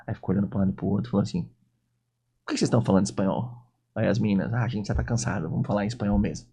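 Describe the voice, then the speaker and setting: A Brazilian man with a Brazilian Portuguese accent, a podcast guest telling lively anecdotes and acting out the dialogue. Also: fairly low pitch, rapid-fire, breathy edge. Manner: animated storyteller, acts out dialogue in voices. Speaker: guest, logistics sales executive. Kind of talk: casual podcast interview storytelling.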